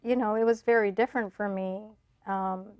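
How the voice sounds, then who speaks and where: A woman's voice: mid-range voice, fairly even intonation, normal speed, clear, resonant tone, no echo, lo-fi sound. Woman from the Philippines telling stories. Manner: reflective storytelling with many fillers. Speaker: guest. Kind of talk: casual conversation.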